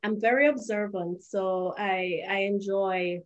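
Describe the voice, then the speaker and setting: A woman from Jamaica, a guest author answering interview questions in a thoughtful, measured way. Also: mid-range voice, steady tone, highs cut off.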